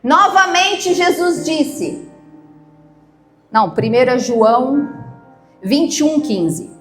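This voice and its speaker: A woman pastor preaching a sermon, slow and emphatic, shifting between loud outbursts and hushed questions. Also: high voice, lively intonation. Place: church. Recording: echoey church with soft music. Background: soft instrumental music.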